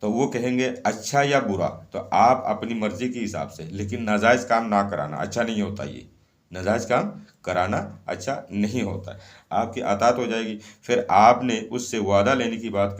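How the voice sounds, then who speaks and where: A man's voice: fairly low pitch, moderate pace. A man explaining a ritual step by step in a casual, repetitive way, often repeating phrases and checking in with "okay". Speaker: occult ritual instructor. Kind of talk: casual spoken instructions.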